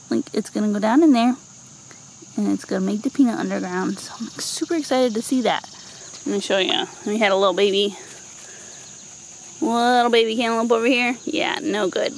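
Giving a garden tour for her vlog, a woman in her thirties chats informally and playfully about her backyard vegetable plot. Her voice is medium-pitched and creaky, and the outdoor handheld-camera recording is rough, with noticeable ambient noise.

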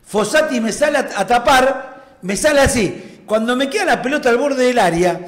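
Animated Argentine man, high voice, storyteller, roomy echo. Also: moderate pace. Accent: Argentine Spanish. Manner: animated, laughing often. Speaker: guest, former footballer. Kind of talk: storytelling anecdote in conversation.

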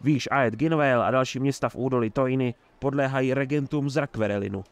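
A man's voice: medium pitch, smooth, natural voice. A man doing a sly jovial old mayor. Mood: sly, hearty. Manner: effusive, sly and talkative. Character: jovial scheming male town mayor, older.

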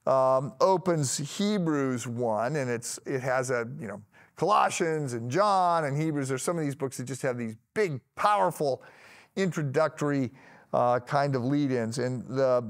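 An older man, a pastor in his sixties, giving an animated devotional talk to camera in a studio, often lifting his voice for emphasis. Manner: animated, gestures a lot, rises in pitch for emphasis. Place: studio with plain grey backdrop.

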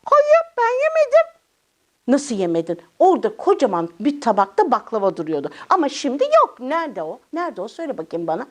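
A woman's voice: on the high side, huge pitch swings, quick pace, few pauses. A woman puppeteer in a children's show, talking to her puppet in a patient but exasperated, teacher-like way and turning to address the children.

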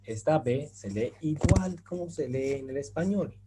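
A man's voice: on the high side, expressive, heavy background noise. A man teaching a beginner Turkish lesson, repeating example phrases and asking his students rhetorical questions. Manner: explains patiently, repeats example phrases slowly; asks rhetorical questions to the class. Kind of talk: slide-based language lesson.

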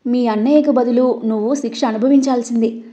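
A woman's voice: a little high, fairly even intonation, fairly quick, mellow, lightly acted. A woman voicing a stern, menacing young husband in a storybook reading. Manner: stern and harsh. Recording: dull lo-fi recording.

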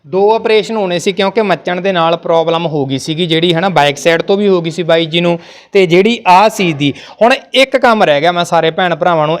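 A man who hosts and reports on location, talking earnestly to camera and to a family he visits. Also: fairly high pitch. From Punjab. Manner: consoling, earnest, talks to camera. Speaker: reporter host.

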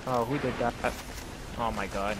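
A man's voice: medium pitch, steady tone, normal speed, very noisy. Man swearing through game chat. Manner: loud, swearing reactions. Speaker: fellow player. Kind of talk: casual gaming chat.

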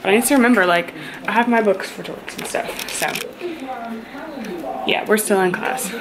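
A woman's voice: mid-range voice, normal speed, crowd noise. A young woman who is a law student, chatting casually to viewers in a vlog and trailing off with fillers. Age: young adult. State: out of breath. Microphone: on-camera mic.

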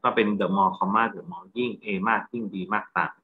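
A man's voice: on the low side, fairly even intonation, unhurried, slightly rough, narrow, tinny audio. A Thai-accented man teaching English grammar in a lecture, going through exam answers and checking understanding with rhetorical questions.

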